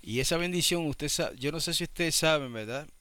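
A man's voice: on the high side, a little fast, pushed and bright, clear, resonant tone, dry recording. A man preaching a sermon, explaining things and often asking his listeners rhetorical questions. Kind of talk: sermon teaching.

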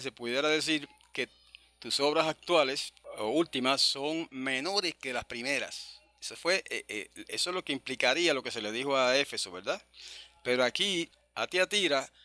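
A man teaching a verse-by-verse Bible study to an online congregation, patiently explaining and slowly sounding out Hebrew words. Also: medium pitch, bright, forceful tone, no room sound. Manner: explains patiently, checks in with "¿verdad?"; spells out Hebrew words slowly, stressing syllables.

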